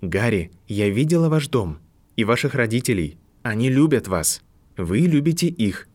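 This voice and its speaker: A man reading an audiobook, voicing a composed older woman professor who speaks softly and sympathetically. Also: mid-range voice, sing-song. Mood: gentle. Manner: soft, sympathetic, measured. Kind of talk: audiobook narration.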